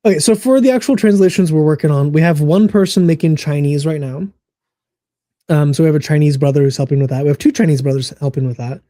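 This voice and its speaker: A man's voice: fairly high pitch, quick pace, dark tone, dry recording, clean studio sound. A man co-hosting a casual livestream, answering chat comments with frequent laughs and fillers. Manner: laughs often, talks through fillers.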